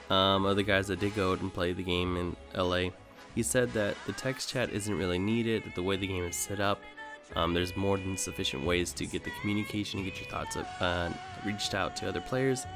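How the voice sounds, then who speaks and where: A man with a deep voice hosts a gaming video, voicing over the gameplay in a casual, off-the-cuff way, hesitating and rambling as he thinks aloud. His tone is steady, his pace moderate, with music beneath him.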